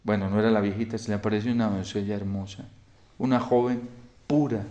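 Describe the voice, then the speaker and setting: A male priest preaching a homily in a storytelling manner, often falling to a quiet hush. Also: on the low side, steady tone, fairly quick, dull audio. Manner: storytelling, drops to a soft hush in quoted lines.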